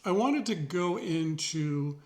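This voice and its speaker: A middle-aged man talking slowly and sincerely in a personal video journal, pausing often with fillers and a dry joke now and then. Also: on the high side, animated, darkish tone. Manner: rambling, pausing, many fillers; sincere, reflective, wry. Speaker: vlogger.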